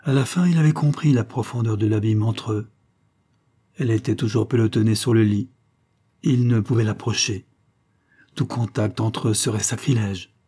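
A man narrating a literary short story in an audiobook, reading in a measured, even way. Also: fairly low pitch, husky.

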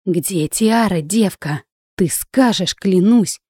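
A woman's voice: mid-range voice, animated, measured pace, warm tone, no echo, clean studio sound, pitched above the performer's own voice. A woman voicing a hissing reptilian gang boss. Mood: menacing. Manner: snarling, hissing threats. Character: cruel reptilian male gang leader, menacing.

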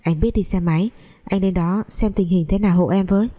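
A woman's voice: medium pitch, fairly even intonation, fairly quick, dark tone, close to an everyday voice. A woman voicing a worried young woman, an older sister who talks in an anxious, pleading way.

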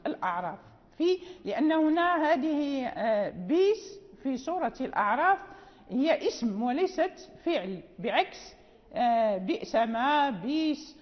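A woman teacher explaining Quran recitation rules, repeating words slowly and chanting the quoted verses. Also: sits high, big-room sound, lo-fi sound.

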